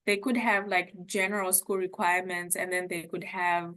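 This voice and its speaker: A young Zimbabwean woman who used to be an international student chats casually, often laughing as she hedges her points. Her voice is fairly low and fairly bright, with a level tone and normal speed.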